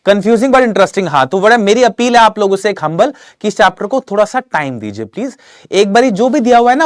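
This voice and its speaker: Male online teacher, slightly high voice, throat a bit rough from a cold, chatty, dry close sound. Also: dry recording. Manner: chatty, reads out viewer names and comments. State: sore throat with cough and cold. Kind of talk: live online class, Hindi-English mix.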